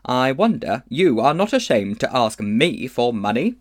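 Man reading as firm older aunt, quiet, unbending, storybook. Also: medium pitch, big pitch swings, unhurried, dry recording, clean studio sound.

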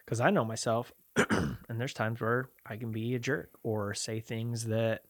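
A man's voice: mid-range voice, no room sound, clean studio sound. A man in his thirties, a podcast co-host, talking about love in a rambling, reflective way with frequent restarts. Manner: rambling, self-correcting, reflective. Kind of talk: casual faith discussion.

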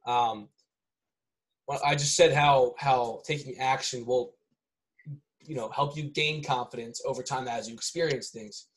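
A man's voice: medium pitch, steady tone, measured pace, pauses often. A man talking casually on a podcast, rambling with many restarts and often ending lines with "right?".

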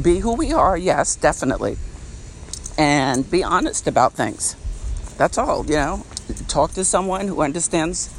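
A man hosting an unedited podcast outdoors, talking reflectively and repeating phrases, laughing now and then. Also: fairly high pitch. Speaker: podcast host. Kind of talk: casual unedited podcast monologue. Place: outdoors by a street. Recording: faint outdoor street noise. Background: traffic and street noise.

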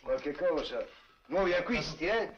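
An actor playing a lazy barbershop customer who teases and chats idly. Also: male voice, a little high, animated, unhurried. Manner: teasing, idle chatter. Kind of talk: old film comedy acting. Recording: dull old film soundtrack with faint hiss.

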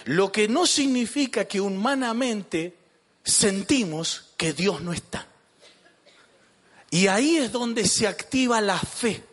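A man's voice: high voice, animated, slow pace, fairly bright tone, in a large hall. A man with an Argentine accent, a pastor preaching a sermon. He jokes and asks the congregation questions. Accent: Argentine Spanish. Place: church.

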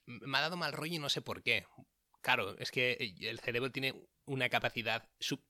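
Bright-voiced Spanish man chatting casually. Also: mid-range voice, no room sound, studio quality. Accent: Spain Spanish. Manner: chatty, self-correcting, frequent fillers. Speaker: podcast host giving dating advice. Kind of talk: casual monologue. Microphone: solo audio recording.

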